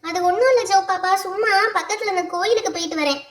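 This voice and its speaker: A woman voicing a sly young woman who makes hurried, evasive excuses in a doll comedy. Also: very high voice, fairly bright tone. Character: sly young woman hiding her food. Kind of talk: doll-show voice acting. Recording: echoey room.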